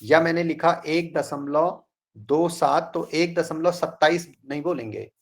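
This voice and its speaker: A man teaching an online math class in a slow, deliberate way, reading out numbers digit by digit. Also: fairly high pitch.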